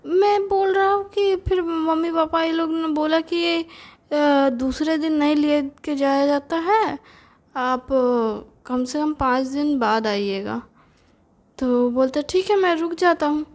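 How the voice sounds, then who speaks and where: A woman's voice: sits high, fairly even intonation, slow, a little mellow. A woman telling a story in a casual first-person way, chatty and confiding with plenty of fillers.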